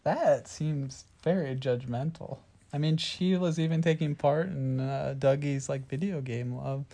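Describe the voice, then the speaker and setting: A woman's voice: low voice, a little slow, warm tone. A woman co-hosting a casual chat about a movie, playfully defending it and arguing back. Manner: playful, defends the film, many "like" fillers. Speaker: podcast co-host.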